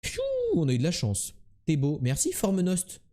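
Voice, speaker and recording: Young male streamer from France, brash and jokey with chat, animated delivery. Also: a little high, normal speed. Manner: loud, teasing, talks to chat. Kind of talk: live-streamed quiz game chat.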